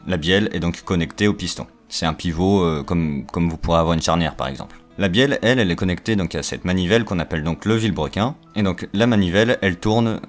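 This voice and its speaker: Young guy with a low voice walking through how an engine works, lots of "euh", jokey asides, soft music behind. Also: quick pace, hardly any pauses. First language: French. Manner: chatty, many fillers and restarts, self-teasing asides. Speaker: video creator explaining engines. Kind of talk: casual technical explanation.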